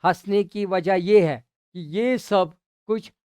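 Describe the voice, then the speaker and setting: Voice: medium pitch, takes it slowly, darkish tone, smooth, no room sound, lightly acted. A skeptical young man from a school drama teases and doubts what he hears, read aloud by a teacher. The voice is close to the reader's own and sounds dry. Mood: teasing. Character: mocking young man, skeptical brother-in-law.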